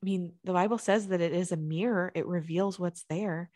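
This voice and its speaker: A woman's voice: lowish voice, fairly even intonation, moderate pace, mellow, dry recording, clean studio sound. A woman hosting a faith chat who responds with enthusiasm and affirmation.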